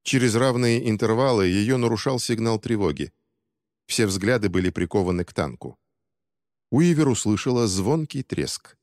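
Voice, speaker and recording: Low-voiced man reading an audiobook. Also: lively intonation, normal speed, a little mellow, dry recording, studio quality, in a large hall. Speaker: audiobook narrator. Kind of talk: scripted narration.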